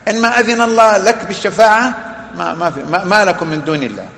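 A man's voice: high voice, quick pace, vocal fry, a bit bright. A man teaching a religious lesson, explaining a text with emphatic, repeated phrases and long lists. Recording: echoey hall.

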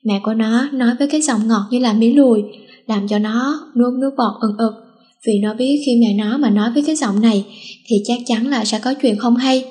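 A woman narrating a story in a lively, colloquial way. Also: on the high side, brisk.

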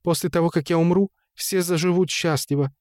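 A man's voice: a little high, steady tone, fairly quick, darkish tone, no echo, studio quality, voice pushed up, natural voice. Rapunzel, a man doing a weak ailing young woman. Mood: suffering.

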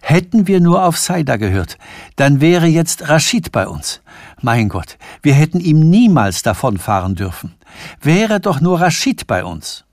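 A man's voice: on the high side, sing-song, moderate pace, slightly rough, dry recording, clean studio sound, voice pushed up, exaggerated voice. A man voicing a stammering, panicky Swiss businessman. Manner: stammering, anxious, breathless. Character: panicky fearful Swiss businessman, middle-aged.

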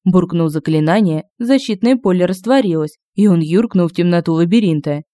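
A woman's voice: lowish voice, brisk, warm tone, no room sound, studio quality. Woman narrating a fantasy audiobook.

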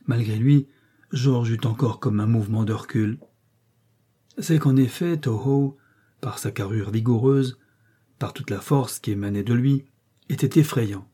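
A man narrating an adventure novel in a measured, expressive reading. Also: medium pitch, breathy edge. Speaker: audiobook narrator.

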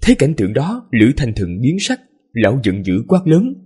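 A man with a hoarse voice narrating a serialized story as the channel host, in a relaxed, chatty way. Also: mid-range voice, moderate pace. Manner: relaxed, chatty asides with fillers.

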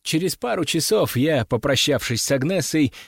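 A man reading a first-person novel aloud as an audiobook narrator, in an even, matter-of-fact storytelling manner. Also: a little high, moderate pace, gravelly, husky, dry recording, clean studio sound.

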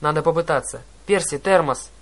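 A man doing an urgent, quick-thinking young girl. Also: fairly high pitch, a bit bright. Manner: urgent exclamations. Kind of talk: audiobook character voice.

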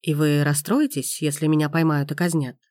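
A woman's voice: sits low, fairly even intonation, darkish tone, no echo, studio quality, close to an everyday voice. Woman doing a mocking, probing man. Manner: measured, teasing questions.

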